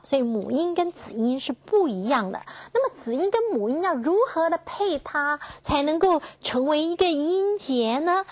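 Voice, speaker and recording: A woman teaching English phonetics in a classroom lecture, asking her students questions and slowly repeating each key term. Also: sits high, breathy edge, no echo. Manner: slow, drawn-out, repeats key terms, asks students questions.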